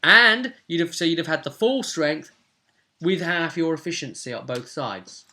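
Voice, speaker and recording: In a small room at home, a man in his twenties hosts and runs a tabletop game session, chatting casually into a webcam at arm's length. His voice sits fairly high and sounds animated, pushed and bright, at a moderate pace.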